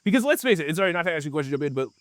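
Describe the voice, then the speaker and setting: A man's voice: on the high side, sing-song, rapid-fire, a bit bright, no room sound. A man co-hosting a film podcast who asks long, winding questions and keeps interrupting himself. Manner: rambling, self-interrupting questions. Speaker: podcast co-host. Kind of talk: casual film discussion.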